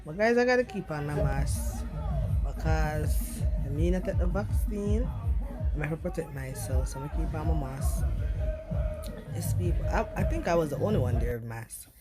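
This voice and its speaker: A young Trinidadian vlogger chats casually with her viewers, sliding into Trini creole as she goes. Her low, animated voice moves at a normal speed over loud music.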